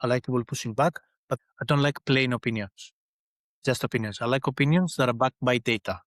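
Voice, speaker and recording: Man from Greece, middle-aged, podcast guest, thoughtful, many restarts, medium pitch. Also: a little fast, dry recording. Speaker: guest, engineering leader. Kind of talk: conversational interview.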